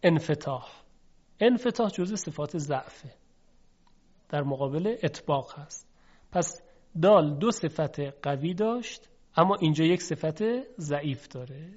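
A man's voice: on the high side, lively intonation, darkish tone. A male teacher giving a recitation lesson, patiently explaining and sounding out letters to demonstrate. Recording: dull lo-fi recording.

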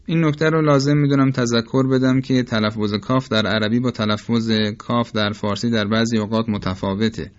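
A man teaching Quran recitation rules in a formal, careful lecture, slowly demonstrating each throat and mouth sound aloud. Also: medium pitch, steady tone, highs cut off. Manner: formal and polite toward listeners. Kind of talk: instructional lecture on tajweed.

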